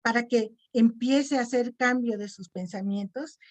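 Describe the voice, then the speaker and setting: Woman, middle-aged, lecturer, fairly high pitch, teacherly, checks in often. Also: a little slow, a little mellow. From Mexico. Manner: didactic, checks in with frequent "¿sí?". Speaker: lecturer on self-esteem. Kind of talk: online lecture and Q&A.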